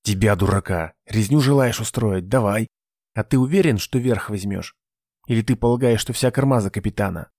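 A man's voice: on the low side, moderate pace, darkish tone, no room sound, clean studio sound. A man voicing a tough, cool-headed young male agent who speaks in terse commands. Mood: commanding.

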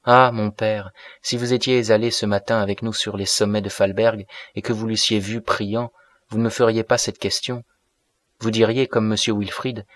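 A man reading the part of a naive young woman, a pastor's daughter, in an audiobook, speaking with earnest, soft wonder. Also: lowish voice, dry recording, lightly acted.

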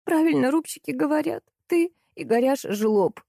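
Woman doing a shrill tearful young shopgirl, whiny and snappy, pitched way up. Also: lively intonation, moderate pace, gravelly, dark tone, dry recording, clean studio sound. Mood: spiteful.

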